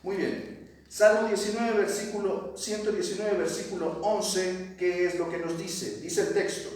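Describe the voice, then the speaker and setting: Echoey, high-voiced man teaching Bible. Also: fairly even intonation, a little slow, a little mellow. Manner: asks the class questions, reads verses aloud. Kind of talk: Bible study lesson. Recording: echoey room, mic at a distance.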